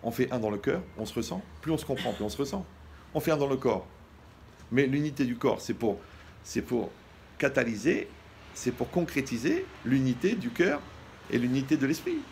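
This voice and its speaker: Rabbi guy giving a funny sermon, gravelly voice, mid pitch, lots of asides. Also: moderate pace, a little hiss or hum. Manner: lively, joking, talks to the listener directly, acts out scenes. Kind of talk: humorous sermon on marriage.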